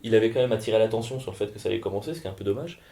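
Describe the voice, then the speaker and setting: A man's voice: fairly low pitch, racing, mellow. A man, a comedian co-hosting a podcast, chatting casually and telling rambling, joking anecdotes. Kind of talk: casual banter and storytelling.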